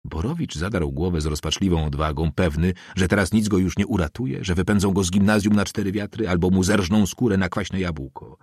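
Mężczyzna czytający powieść jako lektor audiobooka, wyważenie i ekspresyjnie. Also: male voice, sits low, slightly rough, no echo, studio quality. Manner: measured, expressive reading. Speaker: audiobook narrator. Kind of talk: scripted literary narration.

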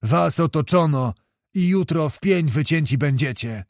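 A man playing a fiery young cavalry commander who roars his orders at the troops, in a raised, pushing voice. The delivery is loud and urgent, with every call thrown out to rally men. The sound is close and dry, with no room around it. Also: fairly high pitch, lively intonation, a little slow, no room sound. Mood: rousing.

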